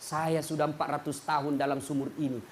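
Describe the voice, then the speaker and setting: A man's voice: fairly high pitch, level tone, fairly quick, a little hiss or hum, voice pushed down, natural voice. A man voicing a huge, ancient male jinn from a well, grumbling.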